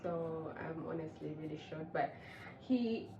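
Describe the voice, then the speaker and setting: A woman in her late twenties from Uganda hosting a casual couple's chat, bubbly and expressive. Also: deep voice, roomy sound, far from the mic, lo-fi sound, a little hiss or hum. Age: 20s. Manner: bubbly, expressive, quick to laugh. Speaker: host.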